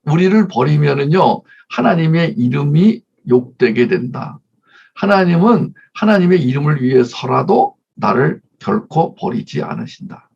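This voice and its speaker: A male pastor preaching in a loose, conversational way, slipping into the voices of mothers and children as he goes. His voice is gravelly and a little husky. The recording is dull and lo-fi. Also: on the high side. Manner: acts out mother and child voices, leads congregation reading. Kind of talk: conversational sermon with Bible readings.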